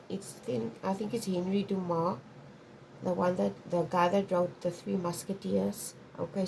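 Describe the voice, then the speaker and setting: In a rough recording with a little hiss or hum, a woman with a mid-range, creaky, dark-toned voice gives an intuitive tarot reading. Her first language is Afrikaans, and her rambling delivery is full of restarts and frequent "okay?" check-ins.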